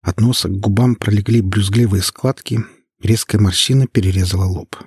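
A man reading a first-person novel aloud as an audiobook narrator, steady and even. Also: fairly low pitch, moderate pace, slightly rough, no echo, studio quality. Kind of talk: scripted narration.

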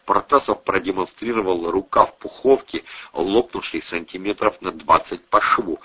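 A man reading a crime novel aloud as an audiobook, expressive and voicing every character, on a dull lo-fi recording. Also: deep voice, normal speed, slightly rough. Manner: expressive, voices all characters. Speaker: audiobook reader. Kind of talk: audiobook narration.

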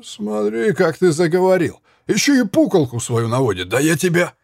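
Мужчина изображает буйного пьяного испанского вояку в аудиокниге. Он горланит и сыплет ругательствами, голос взвинченный и высокий, звучит сухо и близко. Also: male voice, sits high, sing-song, normal speed, gravelly, no echo, clean studio sound, pitched above the performer's own voice, exaggerated voice. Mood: raging. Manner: shouting, cursing, slurred bluster. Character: drunk, brawling Spanish soldier, hot-tempered.

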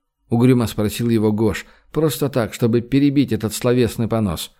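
A man reading a novel aloud as narrator, in a steady, measured manner. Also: medium pitch. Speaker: audiobook narrator. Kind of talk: scripted narration.

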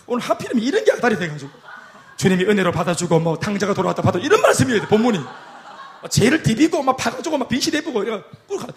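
A male pastor, telling a story in a lively, humorous sermon and acting out what people said. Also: high-pitched. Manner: lively, humorous, acts out quotes. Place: church.

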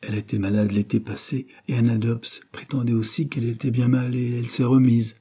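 A man's voice: mid-range voice, level tone, a little fast, mellow, breathy edge, pitched above the performer's own voice. A man reading a novel aloud, voicing a chatty young girl who blurts things out in a raised voice. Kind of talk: audiobook character voice.

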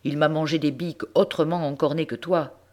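A woman's voice: low voice, steady tone, a little fast, darkish tone, lightly acted. A woman reading aloud, voicing a worried old farmer who exclaims anxiously at his goat.

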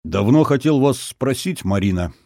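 A man reading a gruff old-school colonel. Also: medium pitch, lively intonation, moderate pace, warm tone, no echo, studio quality, voice pushed up, close to an everyday voice. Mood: curious. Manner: gruff and matter-of-fact. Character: gruff, guarded middle-aged male colonel. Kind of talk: audiobook reading.

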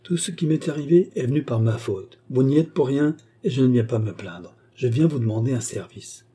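A man's voice: medium pitch, animated, moderate pace, dark tone, slightly rough. A man reading a storybook and voicing a composed, secretive young courtesan woman with a firm manner. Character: cool-headed resolute young courtesan woman.

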